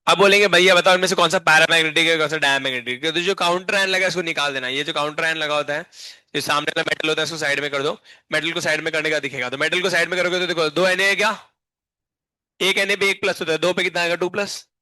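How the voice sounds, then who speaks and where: A man teaching a live chemistry class, his voice bright and a touch higher than most men's. He explains in quick steps and keeps checking that the students follow, with joking asides to them. The sound is dry and close. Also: fairly even intonation, no room sound. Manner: bantering and teasing students between explanations; frequent check-in questions to the class.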